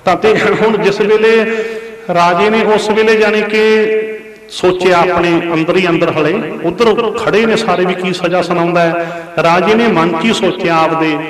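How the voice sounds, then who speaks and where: A Sikh preacher telling a story, calling on the congregation to respond. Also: male voice, high voice, steady tone, moderate pace. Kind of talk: gurbani katha sermon. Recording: echoey hall from far off.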